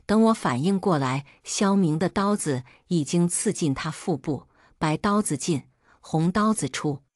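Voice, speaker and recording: A woman narrating a first-person audiobook story with dramatic storytelling flair. Her voice sits on the low side, and the recording is dry with no room echo. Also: lively intonation, a little slow, darkish tone.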